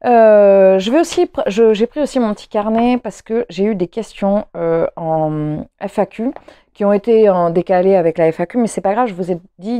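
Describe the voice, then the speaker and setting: A woman's voice: medium pitch, mellow, clean tone, no room sound. A woman vlogger chatting casually to camera at home, rambling with frequent hesitations and restarts. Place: at home, seated.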